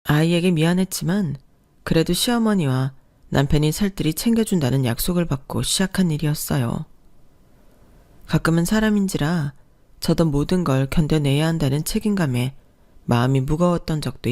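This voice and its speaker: A woman narrates a scripted first-person story in a calm, reflective tone. Her voice sits fairly low and even. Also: normal speed.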